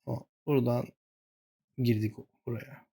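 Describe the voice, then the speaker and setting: A man's voice: medium pitch, steady tone, moderate pace, vocal fry, warm tone, husky. A man hosting a gaming channel, walking viewers through a screen-share tutorial and muttering to himself when he gets flustered.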